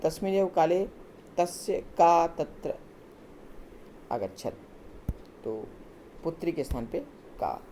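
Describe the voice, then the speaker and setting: Slow, mellow-voiced male teacher. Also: a little high, expressive, a little hiss or hum. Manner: patient, step-by-step explaining, with hesitant pauses. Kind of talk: recorded class lesson explaining textbook exercises.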